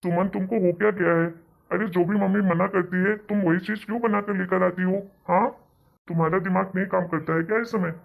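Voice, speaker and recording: Bossy short-tempered husband. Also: male voice, high-pitched, fairly even intonation, fairly quick, creaky. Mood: angry. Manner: scolding, bossy toward wife. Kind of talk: animated cartoon voice acting. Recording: tinny phone-like sound.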